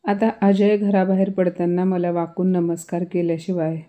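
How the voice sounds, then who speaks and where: A woman's voice: fairly low pitch, flat delivery, moderate pace, dark tone, lightly acted. A woman voicing a controlling, touchy older mother-in-law with a curt, scolding tone in a storybook reading.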